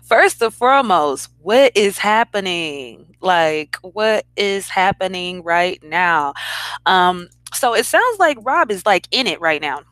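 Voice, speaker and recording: A woman's voice: lowish voice, animated, takes it slowly, fairly bright tone, no room sound. A woman hosting a casual commentary stream, reacting to clips with chatty disbelief. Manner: incredulous, chatty, talks to viewers.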